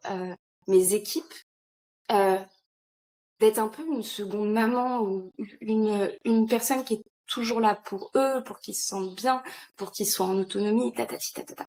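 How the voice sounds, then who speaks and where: Chatty, lively woman on a podcast. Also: a little high, normal speed, slight background noise. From France. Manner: lively, chatty, laughs often, many fillers. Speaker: founder of an entrepreneur retreat, podcast guest. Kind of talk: casual podcast chat.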